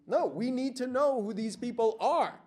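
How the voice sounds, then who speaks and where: A man's voice: very high-pitched, lively intonation, moderate pace, darkish tone. A man giving a passionate workshop presentation to a live audience in a meeting room. He speaks with fire and asks question after question, repeating lines for emphasis.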